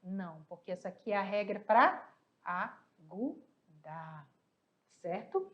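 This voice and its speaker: A Brazilian woman teaching a class, a little hoarse, patiently asking questions and answering them herself. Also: medium pitch, expressive, takes it slowly, lo-fi sound. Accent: Brazilian Portuguese. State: slightly hoarse, coughing. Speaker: Spanish teacher. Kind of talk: online class explaining exercises.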